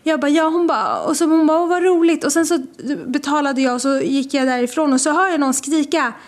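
A young woman from Sweden, co-hosting a podcast, telling stories in casual chat and acting out what people said. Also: sits high. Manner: lively storyteller, acts out quotes. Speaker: podcast co-host.

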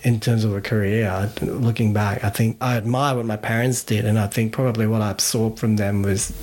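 A middle-aged man from Thailand, chatting as a guest in an easy, meandering way. He often trips over his opening words and starts again, loose and unhurried. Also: on the low side. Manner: relaxed, rambling, many restarts. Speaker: podcast guest. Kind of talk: casual interview chat.

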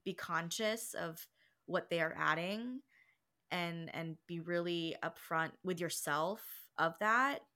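A woman in her thirties speaks with a bright, forceful tone and a slightly low pitch. She is reflective and unhurried on a casual podcast, wandering through her ideas with frequent "like"s and "um"s. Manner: reflective, meandering, many "like"s and "um"s. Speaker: podcast co-host.

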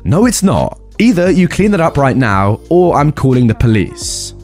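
A man's voice: medium pitch, very animated, darkish tone, soft background music. A man voicing a composed store manager who speaks formally and firmly. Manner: formal, measured, firm. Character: composed male store manager, firm and professional.

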